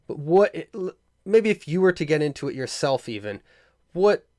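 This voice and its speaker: A man hosting an interview, asking halting questions with restarts. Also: a little high, sing-song, warm tone. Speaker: interviewer, podcast host. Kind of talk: casual interview.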